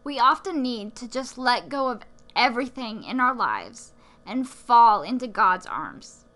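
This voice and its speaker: Slow, bright-voiced woman co-hosting devotionals. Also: a little high, very animated. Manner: encouraging, gently preachy. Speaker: podcast co-host.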